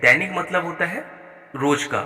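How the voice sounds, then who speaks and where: A man teaching a children's Hindi exercise, slowing down to spell each word out sound by sound. His voice is bright and clear, a little higher than most men's, and it rings through a room with a long, echoing reverb. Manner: slow, patient, spells words out sound by sound. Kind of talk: explaining a school exercise.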